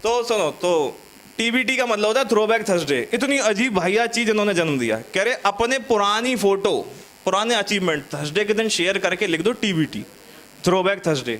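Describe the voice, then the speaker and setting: High-voiced chatty male stand-up comic. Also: lively intonation, normal speed, a bit bright. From India. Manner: chatty, teasing the audience, acts out classroom scenes. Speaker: stand-up comedian. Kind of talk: stand-up comedy set.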